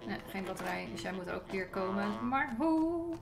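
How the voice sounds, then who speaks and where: A young woman chatting casually and excitedly as she plays a game, giggly and quick to exclaim. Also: medium pitch, vocal fry. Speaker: gaming streamer playing co-op with a friend. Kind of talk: casual excited gameplay chat. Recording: game music behind the voice. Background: game music.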